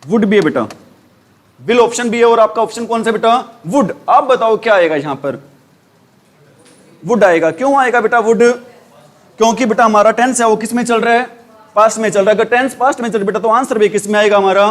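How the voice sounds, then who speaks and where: Hindi-accented male teacher, middle-aged, higher voice, drilling rules by call and answer. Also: a little fast. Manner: quizzing students with repeated questions, calls them beta. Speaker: English teacher. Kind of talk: classroom grammar lesson.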